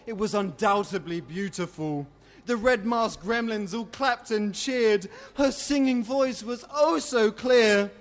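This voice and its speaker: A man narrating a fairy-tale story in a measured, rhyming way. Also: high voice.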